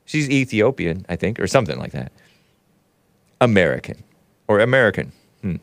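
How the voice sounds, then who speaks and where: In a lowish, sing-song voice at normal speed, a man reads his livestream chat aloud, putting on mock voices, adding jokey remarks and chuckling often. There's no room sound.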